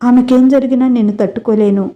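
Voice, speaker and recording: A woman's voice: fairly high pitch, fairly even intonation, a little fast, highs cut off, voice pushed up, lightly acted. A woman voicing an emotional young man. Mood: heartfelt. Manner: heartfelt, earnest.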